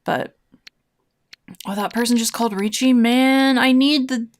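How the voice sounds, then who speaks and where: A woman's voice: a little high, steady tone, measured pace. A woman livestreaming a game, chatting casually in a slangy, rambling way as she thinks aloud and answers her viewers. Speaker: livestreamer, VTuber playing online mahjong. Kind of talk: casual livestream chat while gaming, replying to chat.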